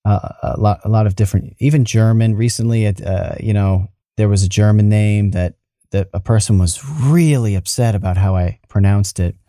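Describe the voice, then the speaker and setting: New man, mellow tone, chatty halting host, dry close mic. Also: lowish voice, fairly even intonation, dry recording. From New York, United States. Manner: chatty, halting, laughs easily. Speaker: podcast host. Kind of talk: casual podcast conversation.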